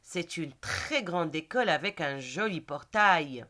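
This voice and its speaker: Schoolboy talking about his school , read by a woman teacher, unhurried. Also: sits low, lively intonation, bright, forceful tone, voice pushed down, heavily acted. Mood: proud. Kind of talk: reading a textbook dialogue aloud.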